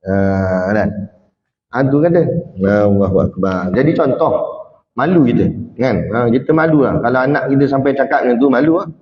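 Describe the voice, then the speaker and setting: A man with a Malay accent giving a religious lecture in an animated way, acting out quoted speech and often tagging his points with "ha" and "kan". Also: medium pitch, a little fast. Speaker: preacher. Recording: echoey hall, dull lo-fi sound.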